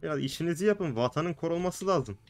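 A man's voice: a little high, lively intonation, a little fast. Chatty man doing let's play commentary. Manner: chatty, jokey, talks to the game's characters and the viewers. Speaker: gaming video host.

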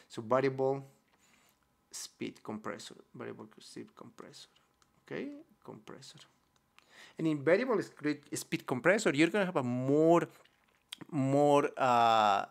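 A man's voice: mid-range voice, creaky. A man teaching equipment sizing over a whiteboard screen recording, explaining step by step, repeating key terms, checking in with "okay?" and correcting himself as he goes. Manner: self-correcting restarts. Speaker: HVAC instructor. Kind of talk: screen-recorded technical lesson.

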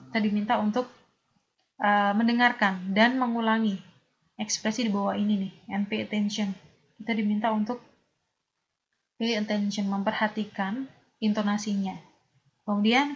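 A woman teacher with an Indonesian accent, giving an English lesson in Indonesian and reading English phrases slowly so students can repeat them. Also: medium pitch, a little hiss or hum. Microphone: lapel mic. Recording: dull lo-fi recording with faint ambience.

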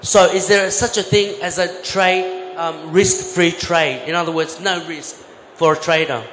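A middle-aged former bank trader speaks at an unhurried, steady pace on a large expo hall stage, using a handheld mic to explain trades with examples and correcting himself along the way. His voice is a little high and fairly bright, with faint music behind and an echoey hall with faint ambience around him.

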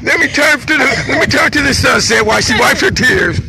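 A man, filming and talking warmly and fervently outdoors, often saying hallelujah. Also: extremely high pitch, lively intonation, fairly quick, gravelly, over music, low-quality recording. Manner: repetitive, fervent, praising God. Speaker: boyfriend filming a birthday surprise. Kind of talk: casual filmed narration. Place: outdoors at sunset.

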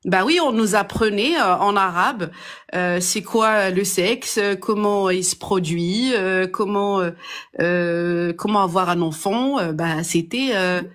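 A woman's voice: mid-range voice, slow, fairly bright tone. A woman from Algeria calling into a live debate, talking hesitantly with many fillers and restarts but growing emphatic. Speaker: caller.

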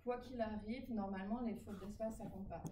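In a classroom lecture on phonetics, a woman explains the rules patiently and keeps checking that students are with her. Her voice is mid-range and brisk, with fairly even intonation. Captured far from the mic in an echoey room, the audio carries background noise.

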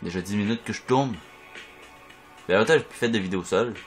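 A man with a Quebec French accent, chatting at home through casual gameplay commentary in an excitable, joking way. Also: fairly low pitch, brisk. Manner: excitable, chatty, makes silly sound effects. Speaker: gamer. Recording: faint music behind.

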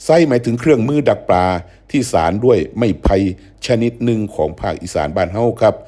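A man's voice: medium pitch, animated, brisk, dark tone. An older man, hosting a show and patiently explaining dialect words. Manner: patient, explanatory, acts out example phrases. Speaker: host.

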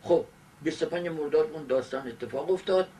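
An elderly man recalls past events haltingly, with long hesitations, in an indoor interview. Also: a little high, warm tone. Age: 70s. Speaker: interviewee giving oral history. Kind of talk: recollective personal narration. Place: small book-lined study indoors. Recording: distant mic, noisy amateur camcorder sound.

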